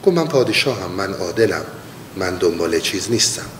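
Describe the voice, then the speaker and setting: A man teaching mystical poetry, chanting lines slowly and then explaining them in quick casual talk. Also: lively intonation. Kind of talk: spoken lesson with slow verse recitation. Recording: long hall reverb, faint rumble.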